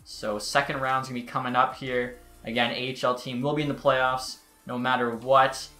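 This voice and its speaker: A man's voice: medium pitch, flat delivery, moderate pace, pushed and bright, soft background music. A man giving casual gameplay commentary as a YouTuber, chatty with exasperated outbursts. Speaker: gaming YouTuber. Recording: roomy echo.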